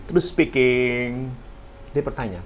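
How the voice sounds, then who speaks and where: A man's voice: medium pitch, slow, slight background noise. A man from Tobelo on Halmahera, a podcast guest, telling stories in casual chat, switching into English and laughing often. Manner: animated storyteller mixing in English, laughs often.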